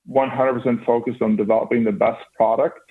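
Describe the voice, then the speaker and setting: Over a band-limited phone connection, a man in his thirties from Norway, faintly accented, earnestly fields interview questions about his startup, full of restarts and fillers. He talks a little fast at a medium pitch that moves little, and his voice is slightly rough.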